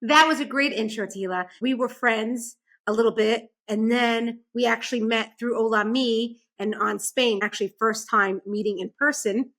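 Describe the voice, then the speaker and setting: A bubbly woman hosting a podcast in easy conversation with a friend. Her voice is bright and sits a little high, and she talks in a chatty, animated way. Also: normal speed, few pauses. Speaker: podcast host. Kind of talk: casual interview chat.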